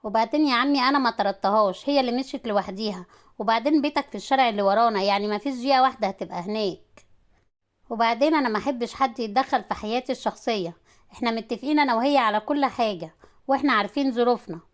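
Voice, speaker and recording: A woman's voice: fairly high pitch, natural voice. A woman doing a flustered young Egyptian husband. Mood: defensive. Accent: Egyptian Arabic. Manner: defensive, quick excuses. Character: flustered young husband, defensive office clerk.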